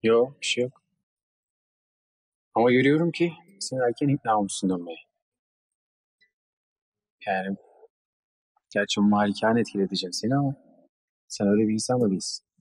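An actor playing a serious man who speaks calmly and in measured tones about trust and love, in a TV drama. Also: lowish voice, breathy edge, no echo. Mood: grave. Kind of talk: TV drama acting.

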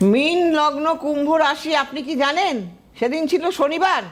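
High-pitched lady astrologer, sure of herself, talks to callers on tv. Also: measured pace. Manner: confident, emphatic predictions. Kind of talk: TV call-in astrology reading.

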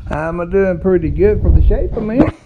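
High-pitched, folksy man joking on calls. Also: lively intonation, normal speed, phone-quality sound. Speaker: prankster taking telemarketer calls. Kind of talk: casual joking phone chat. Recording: faint background noise.

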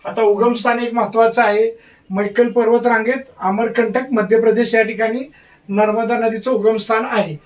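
A man's voice: very high voice, flat delivery, normal speed, far from the mic. A man teaching an exam-prep lesson, repeating key points and drilling memory tricks.

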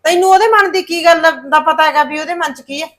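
A woman's voice: extremely high pitch, a little fast, fairly bright tone. An actress playing a worried middle-aged mother who insists her son settle his marriage, in a short film drama.

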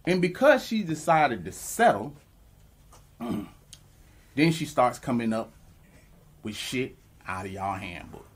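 A man's voice: medium pitch, big pitch swings, slow, pauses often, breathy edge. A man co-hosting a podcast, arguing bluntly and profanely in casual chat, laughing as he makes his points. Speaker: podcast co-host.

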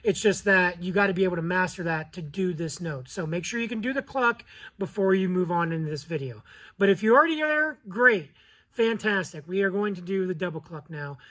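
A man's voice: high-pitched, expressive, a little fast, sharp tone. An American man in his thirties giving a casual, informal spoken tutorial as a hunting-call instructor. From Colorado, United States. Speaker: goose-calling instructor. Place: indoors in a cluttered garage or workshop.

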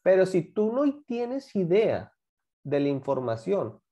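A man's voice: high voice, sing-song, takes it slowly, mellow. A man teaching a class, patiently explaining grammar and repeating examples while asking students to join in. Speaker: English teacher.

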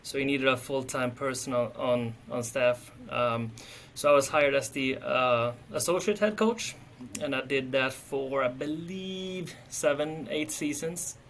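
A man in his thirties from Sweden, speaking English with a Swedish accent as a soccer coach, relaxed and often repeating words while he thinks, on a video call from an office. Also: medium pitch, a little slow, a little hiss or hum. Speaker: head soccer coach, guest. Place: office with window. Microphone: webcam on video call.

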